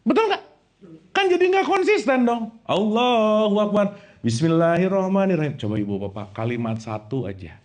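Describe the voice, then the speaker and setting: A man preaching a lively sermon to a live audience, joking and quizzing them with questions. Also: sits high, fairly quick. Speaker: Islamic preacher.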